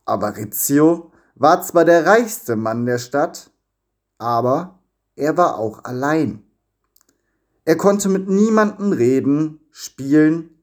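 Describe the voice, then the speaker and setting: A man reading a children's story aloud with expressive, lively storytelling. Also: fairly high pitch. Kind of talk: scripted storybook narration.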